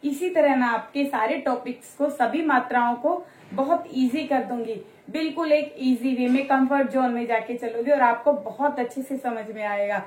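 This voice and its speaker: A woman teaching a Hindi grammar lesson to children online, friendly, stretching out example words slowly. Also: high-pitched, darkish tone. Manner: friendly, addresses children as dear kids. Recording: roomy echo.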